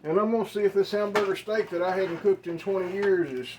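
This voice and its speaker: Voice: mid-range voice, a little fast. Folksy Arkansas home cook over sizzling noise. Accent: Arkansas Southern US. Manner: folksy, plainspoken. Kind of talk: casual cooking vlog chat. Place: home kitchen. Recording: clear frying sizzle and kitchen noise. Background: frying food sizzle, stirring.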